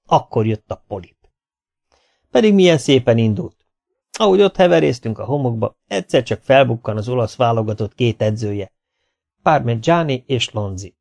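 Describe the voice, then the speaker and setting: A man reading a first-person humorous memoir as an audiobook, lively and expressive. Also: mid-range voice, gravelly. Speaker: audiobook reader. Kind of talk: scripted first-person narration.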